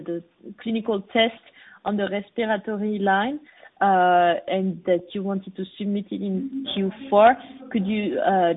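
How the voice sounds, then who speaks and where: A woman, a financial analyst, asking probing questions on a conference call, politely and with small stumbles. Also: mid-range voice. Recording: tinny phone line.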